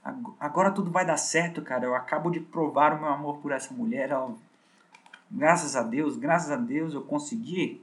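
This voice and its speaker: A man's voice: a little high, moderate pace, fairly bright tone. A man speaking as a lovesick, self-pitying young man in a retold story, close to his own voice. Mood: hopeful.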